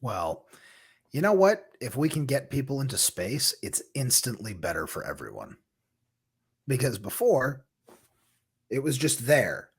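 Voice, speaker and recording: Guy cohosting a political chat, mocking and sarcastic, raspy voice that jumps around a lot. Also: mid-range voice, wildly swooping pitch, a little slow, pauses often. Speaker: co-host.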